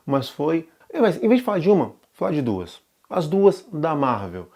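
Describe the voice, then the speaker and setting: A man's voice: medium pitch, darkish tone. A man hosting a casual explainer, chatty, asking rhetorical questions and correcting himself as he goes. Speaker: show host.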